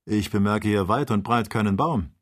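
A man's voice: fairly low pitch, normal speed, close to an everyday voice. A man voicing a blunt, practical male hunter in an audiobook, with a plain, matter-of-fact delivery. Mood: doubtful. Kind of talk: audiobook character voice.

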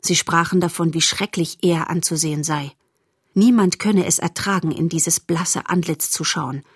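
A woman's voice: deep voice, moderate pace, husky, no echo. Woman narrating an audiobook, dry sound. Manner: steady, expressive storytelling. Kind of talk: audiobook reading of a children's novel.

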